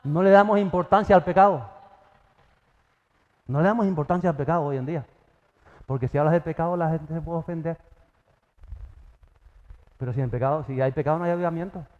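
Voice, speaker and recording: A man delivers a sermon with a somewhat high voice. He breaks into acted-out dialogue, jumping up in pitch for each figure. The recording is dull and drenched in long church reverb. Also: brisk, long pauses, darkish tone. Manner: acts out dialogue with sudden pitch jumps. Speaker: pastor.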